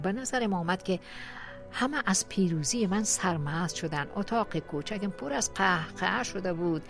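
Storyteller: woman, low-pitched voice, soft music behind. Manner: steady, expressive reading. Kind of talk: storytelling narration.

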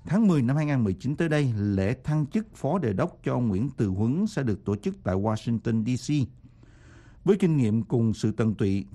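A man reads a scripted radio broadcast in a mellow, warm voice. His delivery is formal and measured, like a station announcer. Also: medium pitch.

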